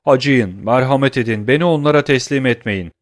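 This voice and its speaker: A man's voice: medium pitch, fairly quick, natural voice. A man voicing a hunted young fugitive in an audiobook, speaking with pleading urgency. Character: hunted young male fugitive, desperate then cocky.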